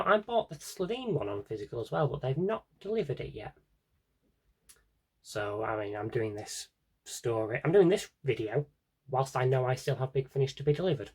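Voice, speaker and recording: Showing his collection of audio drama CDs on video, a British man talks in an unscripted, rambling way, often correcting himself and dropping in dry humour. His medium-pitched, slightly rough voice swings widely in pitch at a normal speed.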